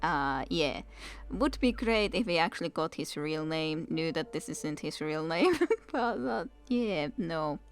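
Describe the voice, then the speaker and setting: A woman's voice: low voice, expressive, measured pace. Casual woman let's player, music behind. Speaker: let's play host. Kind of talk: casual game commentary with read-aloud narration.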